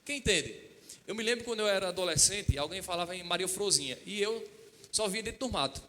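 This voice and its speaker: A man's voice: high voice, a little fast, in a large hall, a little hiss or hum. A middle-aged man preaching a storytelling sermon, acting out dialogue and often asking the congregation for an amen. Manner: asks the congregation "Amém?" and "Quem entende?"; lively retelling with acted-out dialogue. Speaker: pastor.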